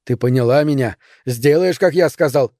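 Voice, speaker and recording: A man's voice: mid-range voice, normal speed, dark tone, no echo, clean studio sound, natural voice. A man voicing an urgent young man who gives orders. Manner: urgent, commanding. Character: urgent, bossy young man taking charge.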